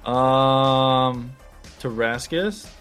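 A man at mid pitch playing a tabletop game. He thinks aloud hesitantly and restarts his sentences. Faint music is heard behind him. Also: drawn-out words, fairly bright tone. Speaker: player. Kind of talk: casual tabletop play.

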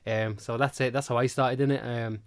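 A man's voice: medium pitch, fairly even intonation, brisk. A man from Manchester, a cheerleading club founder and coach, telling his story in a chatty, rambling way in a casual interview. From Manchester, England.

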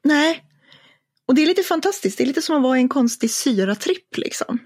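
A woman's voice: high voice, animated, a little mellow, no room sound, clean studio sound. A woman co-hosting a podcast in casual chat, talking thoughtfully and hesitantly with many fillers. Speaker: podcast co-host.

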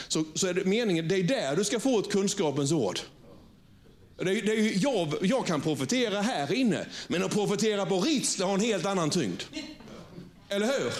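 A pastor preaching to his congregation in a conversational way, often checking for agreement and restarting his sentences. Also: high-pitched. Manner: frequent restarts and repeated words. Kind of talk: sermon. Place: church before a congregation.

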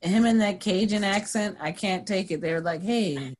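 A woman's voice: medium pitch, moderate pace. A woman in her thirties co-hosting a podcast, joking about a TV show in sassy, profane banter. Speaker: podcast co-host. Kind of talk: casual chat recapping a TV show.

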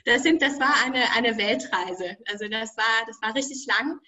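A woman's voice: a little high, unhurried, pushed and bright, highs cut off. A young woman from France, a guest in a casual interview, talking hesitantly with many fillers and restarts.

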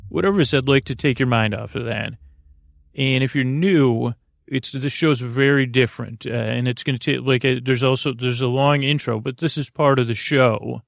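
Speaking straight to the listener, a man hosts a meandering bedtime podcast, his creaky, gravelly mid-range voice moving in halting loops that frequently backtrack. The sound is intimate and completely dry.

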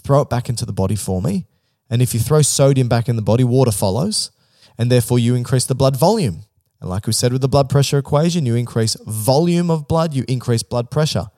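A man talks at a middle pitch in a casual, explanatory chat, walking through ideas step by step with an informal, joking edge. The sound is close and dry, with no room echo. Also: lively intonation, a little fast, dark tone. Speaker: podcast co-host.

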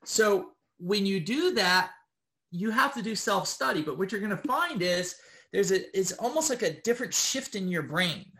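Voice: mid-range voice, animated, normal speed, fairly bright tone. Rambling casual instructor, constant okay checks. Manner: rambling, with frequent tag questions of okay; loose and informal, with occasional swearing.

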